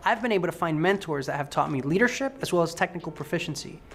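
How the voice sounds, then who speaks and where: A man from Ecuador, a test and operations engineer, giving an upbeat, brisk scripted statement. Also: a little high, lively intonation, a bit bright, soft background music.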